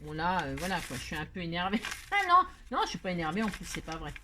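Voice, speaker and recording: A woman's voice: on the low side, sing-song, fast, background noise. A middle-aged woman hosting a crafting tutorial, chatting, rambling and joking at herself as she works. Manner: rambling, self-mocking, talks to herself while working.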